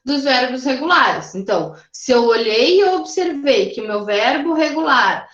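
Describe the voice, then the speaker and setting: A woman's voice: high-pitched, expressive, measured pace, a bit bright, echoey room, muffled recording. A woman teaching an English grammar lesson to her class, explaining patiently step by step and checking in with the students often. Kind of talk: recorded remote grammar lesson.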